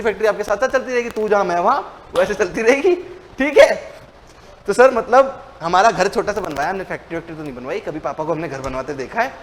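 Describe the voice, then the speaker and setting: Lively male tax tutor, quick and high-pitched, faint room hiss behind. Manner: animated, asks and answers his own questions. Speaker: commerce teacher. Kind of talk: lecture.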